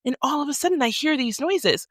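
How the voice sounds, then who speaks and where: A woman in her forties, co-hosting a podcast in a small studio room, telling stories animatedly and acting out scenes with loud exclamations. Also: high-pitched, lively intonation, a little fast, no echo. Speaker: podcast co-host. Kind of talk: casual chat.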